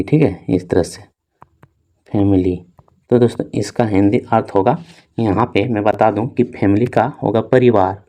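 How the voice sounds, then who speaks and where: A man's voice: lowish voice, mellow. A young man teaching English reading, spelling words out letter by letter and repeating "theek hai" and "dosto" over and over. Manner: slow, drawn-out spelling of letters.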